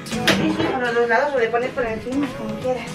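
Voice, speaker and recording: A woman from Spain, a mother cooking at home, coaching her daughter slowly and patiently. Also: fairly high pitch, steady tone. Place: home kitchen. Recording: roomy kitchen from a distance, with loud music.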